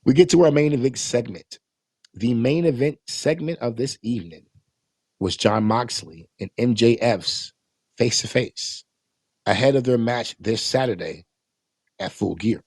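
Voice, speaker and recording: Man, casual wrestling recap, gravelly husky voice, dry close sound, animated, swears freely. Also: mid-range voice, unhurried, no echo. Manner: animated, swears freely, mimics quotes and entrances. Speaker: wrestling show reviewer.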